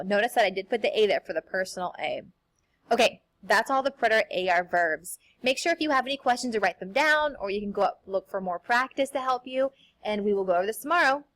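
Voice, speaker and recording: Young woman teacher, cheerful sing-song delivery, models examples slowly for the class, mid-range voice. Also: mid-range voice, animated, fairly bright tone. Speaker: Spanish teacher. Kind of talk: recorded classroom lesson.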